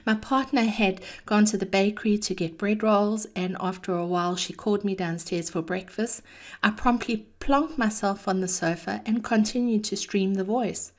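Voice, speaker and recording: A woman's voice: mid-range voice, steady tone, normal speed. A woman hosting a chatty, encouraging monologue with personal anecdotes, speaking in a theatrical, cheeky manner. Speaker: podcast host.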